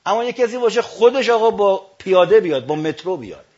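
A man preaching a storytelling sermon, swinging from hushed narration to loud declaiming, with slow drawn-out recitations. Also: high-pitched, animated, muffled recording.

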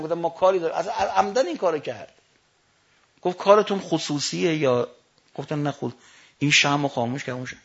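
Gravelly man preaching a sermon. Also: medium pitch, dull audio. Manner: swings from hushed storytelling to loud declaiming; slow drawn-out recitation of quotations. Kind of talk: sermon storytelling.

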